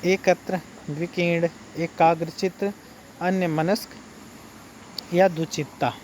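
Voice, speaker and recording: Casual guy reading out word lists for a class, slow and measured, faint noise. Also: a little high, level tone, darkish tone. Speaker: teacher. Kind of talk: exam-prep lesson, reading word pairs.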